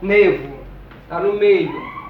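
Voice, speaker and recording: Slow, high-voiced teacher in an echoey room. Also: male voice, a little hiss or hum. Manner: slow, deliberate, repeats each word. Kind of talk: classroom lesson, reading a word list. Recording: distant, muffled, echoey room.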